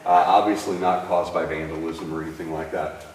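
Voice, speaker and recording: A man guiding a tour through a limestone cave talks informally, explaining things in trailing sentences that echo off the walls. His low voice stays steady and fairly quick; the mic sits at a distance and there's faint noise.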